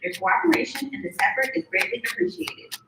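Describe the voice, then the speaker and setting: A woman making a formal, measured security announcement over an airport public address loudspeaker after a chime. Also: sits high, big pitch swings. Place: airport terminal. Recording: echoey loudspeaker from far off, noisy.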